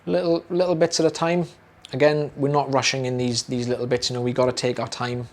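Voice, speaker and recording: A young British audiologist speaks a little fast as he explains a procedure to camera in a relaxed, chatty way. He uses many fillers and repeated words, and his mid-range voice sounds slightly hoarse, as if it's giving out.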